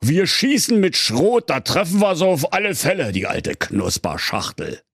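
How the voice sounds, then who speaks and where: A man's voice: a little high, sing-song, moderate pace, fairly bright tone, husky, no room sound, clean studio sound, pitched above the performer's own voice, exaggerated voice. A man voicing a cocky, bossy teenage male wolf with a thick Berlin dialect and brash slang.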